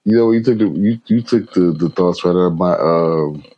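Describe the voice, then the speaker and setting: Deep-voiced laid-back male podcast host. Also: moderate pace, highs cut off. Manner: laid-back, slangy, says "bro" and "man" often. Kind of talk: casual reaction chat.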